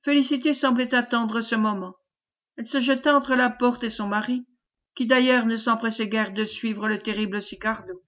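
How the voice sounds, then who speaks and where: Woman audiobook reader, somewhat high voice, steady narration, muffled lo-fi sound. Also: moderate pace. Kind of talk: scripted narration of a classic novel.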